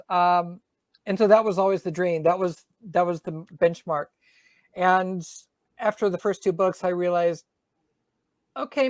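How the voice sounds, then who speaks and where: A woman's voice: fairly low pitch, a little mellow, no echo. A middle-aged woman from Georgia with a faint Southern accent, an author chatting in an interview, thoughtful, with many fillers and restarts. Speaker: author guest. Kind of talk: casual interview chat.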